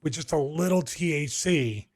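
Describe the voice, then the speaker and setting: A man's voice: on the high side, normal speed, darkish tone. Middle-aged Philly man, rambling chat. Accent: Philadelphia. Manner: rambling, storytelling with frequent restarts and fillers. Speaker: podcast co-host. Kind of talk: casual chat.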